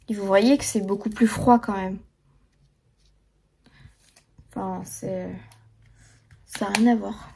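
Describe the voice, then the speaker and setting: A woman's voice: on the high side, mellow. A young woman chatting casually through a makeup tutorial, full of fillers and restarts. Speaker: beauty vlogger.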